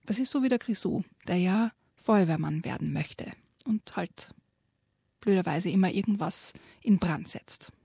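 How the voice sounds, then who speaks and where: A woman's voice: lowish voice, measured pace, creaky, dark tone, husky, dry recording, studio quality. A woman co-hosting a podcast on children's books, talking casually and thoughtfully with some hesitation. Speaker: podcast co-host and reader.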